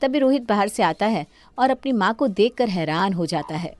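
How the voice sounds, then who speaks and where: A woman narrating a household drama story in a calm storytelling manner. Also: mid-range voice, moderate pace, dry recording.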